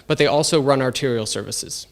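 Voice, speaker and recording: A man in his thirties who was raised in Tanzania eagerly explains his research while answering interview questions as a guest. His voice is medium-pitched and a little fast, with many fillers.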